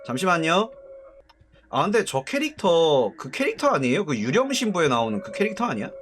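A man streams a horror game, chatting casually and ribbing the characters on screen. His voice is animated and bounces around in pitch. He keeps up a teasing running commentary. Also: brisk, a little hiss or hum. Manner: jokey, chatty, talks to the game.

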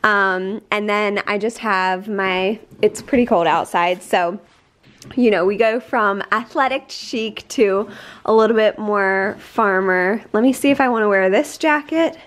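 A woman's voice: medium pitch, slow pace. A woman talking casually to the camera in a farm vlog, chatty with lots of fillers, switching to sweet baby talk for her animals. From Pennsylvania. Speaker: lifestyle vlogger. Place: farm, indoors and outdoors.

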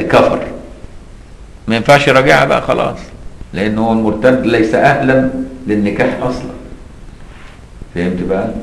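A man's voice: medium pitch, reverberant, rough recording. A man teaching an Islamic law lesson with an Egyptian accent, explaining in colloquial asides and often checking "got it?". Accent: Egyptian Arabic. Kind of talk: classroom lesson on a legal text.

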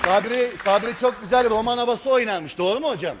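A man's voice: high-pitched, a little fast. A man hosting a talk show with casual comic banter, coaxing guests with short, repeated instructions. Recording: loud studio crowd and music behind. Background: loud music and studio crowd.

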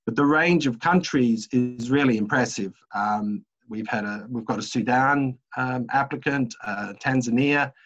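Over dull, lo-fi video call audio, an older Australian man lectures in a university webinar from his home office, hesitant and full of fillers. His medium-pitched, slightly bright voice moves at a measured pace with hardly any pauses.

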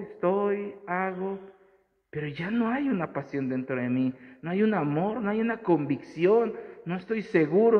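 Priest, male, fairly high voice, earnest homily, long church echo on a muffled recording. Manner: earnest, rising to emphatic repetitions. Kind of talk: homily at mass. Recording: dull sound with long church reverb.

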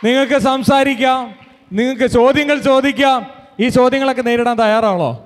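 An energetic male stage host with a Kerala accent and a very high-pitched voice. He mixes English words into Malayalam. The recording is a reverberant, noisy hall. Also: a little fast, a faint crowd. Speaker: event host. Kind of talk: energetic live stage hosting. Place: college auditorium stage. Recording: echoey noisy hall over PA.

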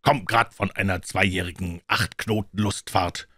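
Man reading sly old sailor, insinuating, storybook, husky voice. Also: low voice, steady tone, moderate pace, pushed and bright, no echo, clean studio sound. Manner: sneering, insinuating.

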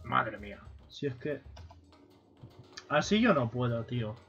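A man giving casual let's-play commentary, swearing and yelling at enemies as he plays. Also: mid-range voice, big pitch swings, unhurried, creaky. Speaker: gaming streamer. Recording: slightly dull stream audio with game music.

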